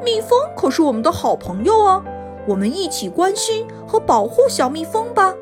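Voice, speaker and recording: A woman's voice: very high voice, sing-song, normal speed, over music, voice pushed up. A woman voicing a curious young boy, an earnest older brother, with childlike delivery in a children's storybook.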